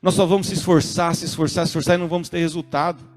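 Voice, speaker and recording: A Brazilian man preaches in a church service, his voice pitched high and earnest. He presses his points with rising urgency. A faint guitar plays underneath. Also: little pitch movement, very fast. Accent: Brazilian Portuguese. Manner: earnest, rising to emphatic urging. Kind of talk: sermon. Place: church service streamed online.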